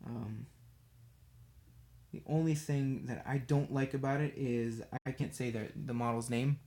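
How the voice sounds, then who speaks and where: A man's voice: mid-range voice, steady tone, measured pace, mellow. A man casually chatting on a livestream while painting miniatures, rambling and self-deprecating as he works. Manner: talks absent-mindedly while working with a brush.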